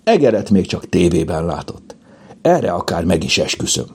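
A man voicing an excitable, bossy young girl in a children's audiobook, with high, eager exclamations. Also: slightly rough, exaggerated voice. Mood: excited.

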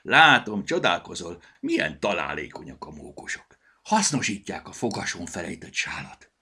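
A man voicing a lively, boastful squirrel in a children's audiobook, chirpy and quick. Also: deep voice, slightly rough, heavily acted. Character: lively show-off cheeky squirrel.

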